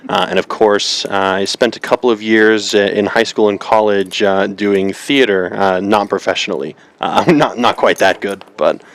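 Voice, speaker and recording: Poker commentator, male, young adult. Lowish pitch, measured and articulate delivery.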